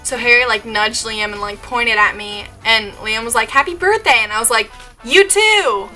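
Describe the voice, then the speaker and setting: A woman's voice: fairly high pitch, level tone, moderate pace, pushed and bright, faint music behind. A young woman telling a story in a casual vlog, gushing and giggly, with lots of "like" and restarts. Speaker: vlogger.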